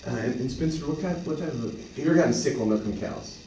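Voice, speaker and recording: A man improvising a sales pitch as a representative, speaking in an earnest, accommodating and halting way. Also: lively intonation, dark tone, highs cut off. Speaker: clinic representative in an improvised role-play. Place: echoey room, mic at a distance. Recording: roomy, distant mic, faint noise.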